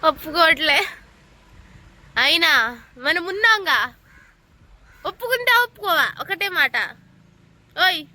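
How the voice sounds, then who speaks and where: A woman's voice: very high-pitched, expressive, unhurried, long pauses, bright, forceful tone. A woman vlogger chatting casually at home in a playful, teasing, coaxing way. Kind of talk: casual home vlog chat.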